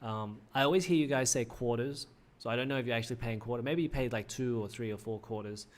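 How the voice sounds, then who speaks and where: An Australian livestream host in his 30s gives casual, chatty commentary at a quick pace. His mid-pitched voice sounds slightly worn because he's losing it a bit, and he rambles, corrects himself and says "uh" a lot.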